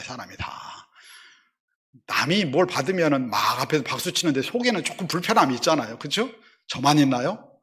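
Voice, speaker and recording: Male pastor, conversational sermon delivery, rhetorical questions, slightly high voice. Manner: lively conversational preaching with rhetorical questions to the congregation.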